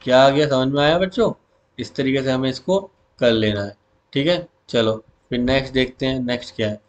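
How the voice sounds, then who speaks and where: A man's voice: medium pitch, muffled recording. A male teacher giving an exam revision lesson, calling his students "beta" and repeating key words back to them as questions. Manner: reads English SQL commands slowly, word by word.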